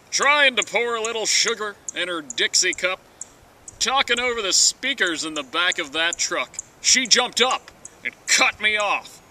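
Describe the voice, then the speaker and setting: A young man giving a dramatic reading of lyrics like a hammy stage actor, with drawn-out theatrical pauses, recorded outdoors from a few metres away. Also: high-pitched, bright, forceful tone. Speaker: performer of comic dramatic readings. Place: outdoors at the edge of woods. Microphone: camera mic from a few metres away. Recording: distant camera mic, wind noise.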